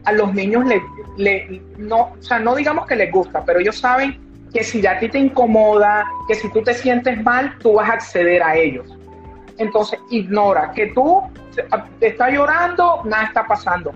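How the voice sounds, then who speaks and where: Emphatic woman explaining with examples. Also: medium pitch. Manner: emphatic, repeats key phrases, gives examples. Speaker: child behavior specialist guest. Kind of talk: explanatory interview talk. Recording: dull lo-fi audio with faint music.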